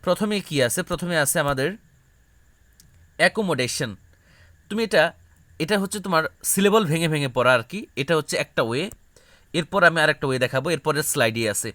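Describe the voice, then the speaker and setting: A man with a Bangladeshi Bengali accent teaching English spelling in a casual lesson, slowly breaking words into syllables and repeating them. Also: fairly high pitch, pushed and bright, no room sound. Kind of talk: casual spoken lesson to students.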